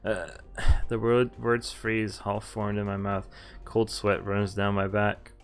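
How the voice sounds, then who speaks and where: Game music plays under a man reading a visual novel aloud on stream, his fairly low voice slow and monotone. He keeps the commentary casual, occasionally fumbling lines and slipping in asides.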